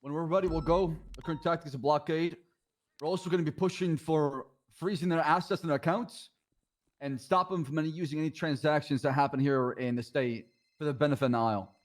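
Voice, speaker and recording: A man's voice: fairly high pitch, steady tone, brisk. A man playing a police commissioner in a game role-play, giving short, matter-of-fact answers about tactics.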